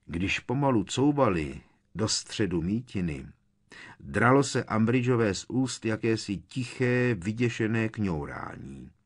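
A man reading an audiobook in a dramatic, expressive narration style. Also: lowish voice.

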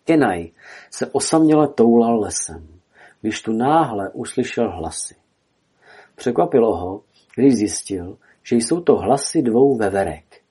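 A man reading a storybook aloud as narrator, telling it dramatically in a husky voice. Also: mid-range voice, animated, mellow.

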